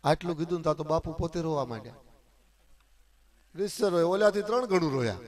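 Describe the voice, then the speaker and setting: A man's voice: fairly high pitch, animated, a little fast. A man with a Kathiawadi Gujarati accent telling folk stories on a live stage, chatty and teasing as he speaks straight to the crowd. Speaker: folk storyteller and stage announcer. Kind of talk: live folk storytelling to an audience.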